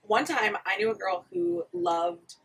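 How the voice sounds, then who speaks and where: A woman's voice: medium pitch, measured pace, fairly bright tone, recorded from a distance, a little hiss or hum, low-quality recording. A woman in casual comedic chat, telling stories in a wry, candid way.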